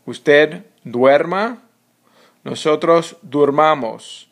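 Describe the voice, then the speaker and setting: A man teaching a recorded Spanish grammar lesson, explaining step by step and slowing down on the example words. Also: a little high. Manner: explains step by step, says "so" and "right" a lot, slows down on example words.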